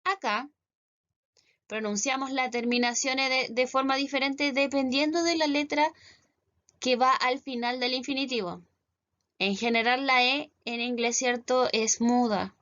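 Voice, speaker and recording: An English teacher with a Chilean accent gives a recorded class, explaining things step by step and often asking "¿cierto?" to make sure her students follow. Her voice is high, fairly even in intonation, a little slow and a bit bright. The recording is muffled.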